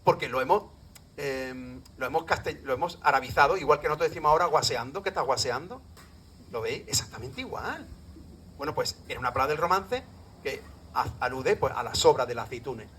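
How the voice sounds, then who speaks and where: A man's voice: medium pitch, expressive, fairly quick, fairly bright tone, a little hiss or hum, rough recording. A middle-aged man from Andalusia with an Andalusian Spanish accent gives a live public talk as a lecturer, often quizzing his audience. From Andalusia, Spain.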